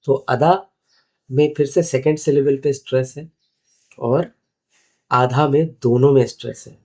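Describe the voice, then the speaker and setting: A man's voice: medium pitch, fairly even intonation, unhurried, a little mellow. A man hosting a lesson on lyric writing, counting beats aloud and explaining word stress with examples, mixing English into his talk. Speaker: lyric-writing teacher and host.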